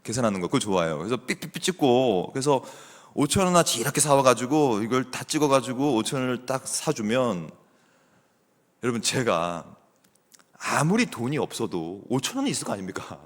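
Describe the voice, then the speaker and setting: A middle-aged man, a theology professor, preaching a sermon as a guest with animated storytelling, chatting with the congregation. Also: medium pitch, moderate pace. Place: church sanctuary. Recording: long church hall reverb.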